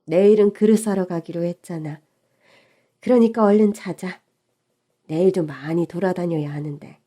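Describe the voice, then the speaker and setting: A woman voicing a doting middle-aged mother who talks slowly and reassuringly in an audio story. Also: fairly low pitch, natural voice. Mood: soothing. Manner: slow, gentle and reassuring.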